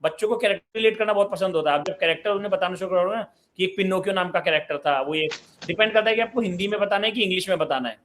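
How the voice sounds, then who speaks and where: A man's voice: sits high, racing, a bit bright, a little hiss or hum. A man in his late twenties hosting a live online parenting session, reading out viewer questions and answering them conversationally. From Uttar Pradesh, India. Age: 20s.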